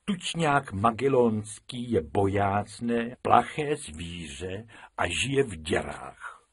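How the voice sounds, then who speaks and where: Guy doing a stuffy old-school teacher, slow know-it-all lecturing, raspy. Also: on the low side, expressive, no echo, studio quality, full character voice. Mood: pedantic. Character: pompous schoolteacher man, lecturing, easily annoyed.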